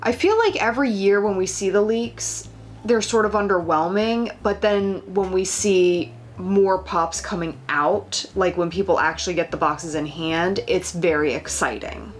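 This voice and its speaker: A woman's voice: mid-range voice, measured pace, slight background noise. A woman co-hosting a casual chat, dry and unimpressed. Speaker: co-host.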